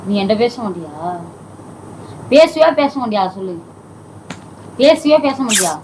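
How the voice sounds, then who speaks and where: A woman's voice: on the high side, animated, moderate pace, noisy background. A woman who keeps pleading and scolding in a comedy sketch at home. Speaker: comedy video creator.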